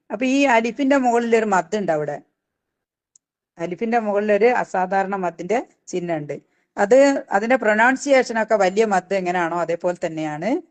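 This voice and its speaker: A woman teaches a recitation class and explains each rule patiently. She keeps checking in with "okay?" between points and slows down to recite short phrases. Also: mid-range voice, a little mellow. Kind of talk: recitation lesson.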